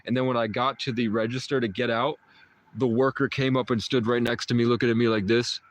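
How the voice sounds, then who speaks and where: A livestream host in his twenties chats and rambles with viewers in a meandering, mystical way, often restarting sentences and letting out short chuckles. His medium-pitched voice stays fairly flat and moves a little fast.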